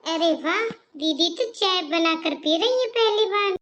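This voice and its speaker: A woman's voice: very high voice, unhurried, heavily acted. A woman voicing a patient, polite young daughter-in-law in a cartoon story. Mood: calm. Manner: calm, polite, quietly firm.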